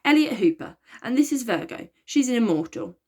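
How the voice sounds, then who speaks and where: A woman's voice: a little high, sing-song, fairly quick, darkish tone, breathy edge, pitched above the performer's own voice. A woman voicing an eager, cheeky young schoolboy in a storybook reading, blurting his lines out.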